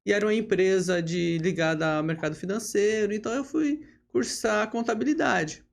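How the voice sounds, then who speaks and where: A woman from Brazil in her 50s, a lawyer who leads a bar association, shares her story as a podcast guest in relaxed interview style. Her medium-pitched voice is gravelly with a fried edge, and she speaks steadily. She keeps adding little tag questions and fills pauses with hesitations.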